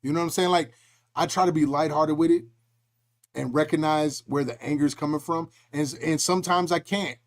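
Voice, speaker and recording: Animated man telling stories on a podcast. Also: a little high, fairly quick. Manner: animated storytelling, acts out quoted voices. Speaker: podcast host. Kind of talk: casual podcast talk.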